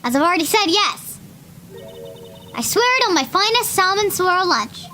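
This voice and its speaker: A woman's voice: very high-pitched, sing-song, moderate pace, bright, forceful tone, a little hiss or hum, voice pushed up, heavily acted. A woman reading aloud as a haughty, taunting female lunch lady witness in a courtroom game. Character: sharp-tongued adult female ex-detective lunch lady witness.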